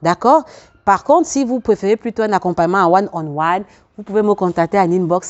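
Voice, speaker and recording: A woman's voice: lowish voice, a little mellow, muffled recording. A woman coaching viewers in a self-help video, talking earnestly and preacher-like, speaking straight to the listener and repeating phrases for emphasis. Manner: laughs between points, repeats phrases for emphasis. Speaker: life coach.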